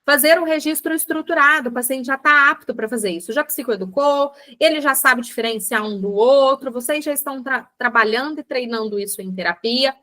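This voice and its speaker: In a high, pushed and bright voice, a little fast and with hardly any pauses, a Brazilian psychologist delivers a chatty online lecture to a book club class. She has a Brazilian Portuguese accent, calls her audience "gente," and acts out everyday examples.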